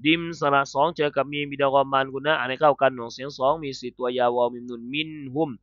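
A man's voice: medium pitch, fairly even intonation, clean tone, no echo, dull audio. A man teaching the Quran, patiently explaining letter sounds and vowel lengths step by step. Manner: drawn-out melodic chanting, then patient step-by-step explanation. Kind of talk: slow Quran recitation, then explaining pronunciation.

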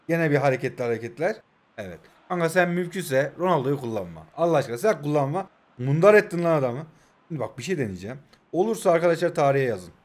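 A man in his twenties from Turkey, commentating his own mobile football game with joking asides to viewers. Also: on the high side. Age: 20s. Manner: joking, teasing, talks to himself and viewers. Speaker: gaming YouTuber. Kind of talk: live gameplay commentary.

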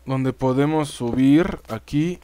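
A man's voice: medium pitch, slow, dark tone, clean tone, no room sound. A man with a Mexican accent giving casual let's-play commentary, chatting straight to his viewers and swearing freely. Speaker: gaming YouTuber.

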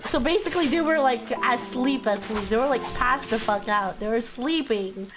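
A woman live streamer chatting casually over a game, giggly and excitable, swearing freely, with a voice hoarse from being sick. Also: a little high, normal speed. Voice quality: hoarse, husky from illness. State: sick, coughing. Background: game music.

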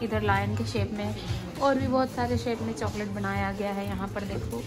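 A woman's voice: mid-range voice, fairly even intonation, moderate pace. A young woman from India, chatting casually as she shows places to her phone camera in a travel vlog. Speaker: vlogger. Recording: loud background music.

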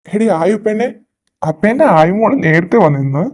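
Man as hot-tempered older father, shouting, high-pitched, mellow, fan audio drama. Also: animated, moderate pace. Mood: angry. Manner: shouting, demanding answers. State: recovering from recent surgery.

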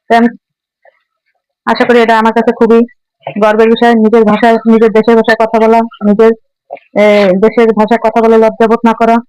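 A woman's voice: on the high side, completely flat delivery, fairly quick, pauses often, darkish tone, clean tone, no echo, muffled recording. A woman from Barishal with a Barishal Bangla accent mixed with Dhaka speech, chatting casually as she cooks and reminisces. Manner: chatty, reminiscing while cooking. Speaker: home cooking vlogger. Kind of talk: casual cooking narration.

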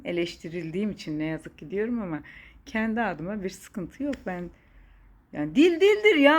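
A middle-aged woman hosting a podcast, chatting casually and playfully and laughing often. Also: a little high. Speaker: podcast host. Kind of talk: casual chat.

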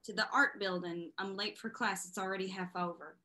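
A woman reading the part of a hurried, puzzled young woman student in a play reading. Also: mid-range voice, steady tone, pushed and bright, lightly acted. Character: distracted young woman art student, twenty.

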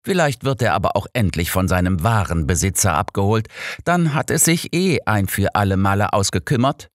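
A man voicing a sharp, know-it-all older detective who lectures his friend with smug superiority. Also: lowish voice, animated, moderate pace, no room sound, clean studio sound, voice pushed up, close to an everyday voice. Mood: coaxing.

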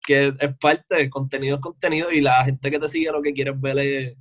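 A man, chatting as a guest in a relaxed, slangy way on a video call from his home music studio. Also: medium pitch, a little fast. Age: 20s. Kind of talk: casual interview chat.

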